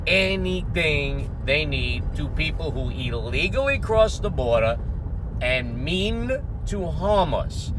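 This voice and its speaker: A man's voice: mid-range voice, noisy background. A middle-aged man with a Queens New York accent, ranting straight to camera in a brash, profane, emphatic way. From Queens, New York, United States. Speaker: host of a finance commentary channel. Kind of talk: unscripted political rant to camera.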